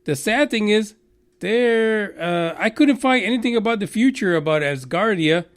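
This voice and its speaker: His voice sits high and moves with lively intonation at a normal speed as this Texan radio news host rambles, mocks, swears plenty and fills gaps with filler words.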